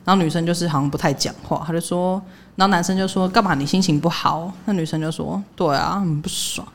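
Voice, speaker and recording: A woman chats on a podcast, telling stories at a rapid clip. Her voice sits slightly low. She acts out the lines of the people in her stories. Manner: animated storytelling, laughing, acting out quoted lines. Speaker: podcast co-host. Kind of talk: casual chat, storytelling.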